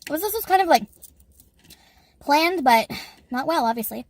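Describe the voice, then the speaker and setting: A chatty woman with a high voice talks through an eating vlog. She giggles between stories. The recording is dry and close. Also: lively intonation, moderate pace, no room sound. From Canada. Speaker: YouTuber.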